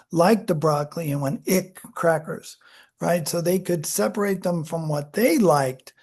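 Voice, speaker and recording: Mellow-toned psychology lecturer. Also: mid-range voice, slightly rough. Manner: conversational, self-correcting, acts out examples in voices. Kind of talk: classroom lecture. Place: lecture room.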